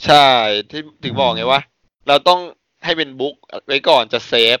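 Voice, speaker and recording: Bright-voiced joking podcast guest. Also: male voice, mid-range voice, normal speed, no echo. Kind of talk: casual podcast chat.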